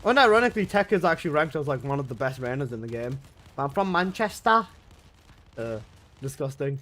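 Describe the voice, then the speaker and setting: A man's voice: fairly high pitch, very animated, a little fast, a bit bright, slight background noise. A young man chatting casually on a gaming livestream, answering his chat in laid-back slang from his room at home. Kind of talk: casual live-stream chat.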